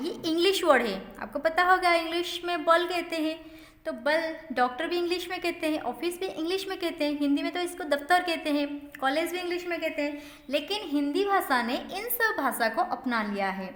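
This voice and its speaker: A woman's voice: high-pitched, a bit bright. A woman teacher giving a lesson to young children, explaining step by step and asking and answering her own questions, with English words mixed in. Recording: echoey room with long reverb.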